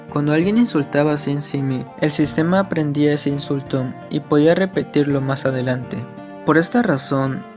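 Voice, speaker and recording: A man narrates an internet mystery video in a scripted, explanatory style, posing rhetorical questions to the viewer. His voice is somewhat high and a little mellow, with faint guitar music behind him.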